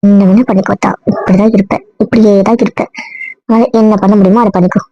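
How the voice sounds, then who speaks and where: A woman's voice: medium pitch, steady tone, fast talker, warm tone, soft background music, close to an everyday voice. An actress playing a stubborn, complaining woman in a family comedy-drama skit. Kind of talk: casual web-series acting. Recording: dull lo-fi dry sound.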